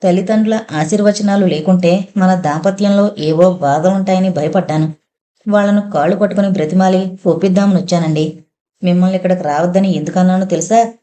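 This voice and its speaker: A woman's voice: lowish voice, fairly even intonation, brisk, mellow, natural voice. A woman voicing a tearful young wife who pleads with her husband in an apologetic way, in a storybook reading. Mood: tearful pleading.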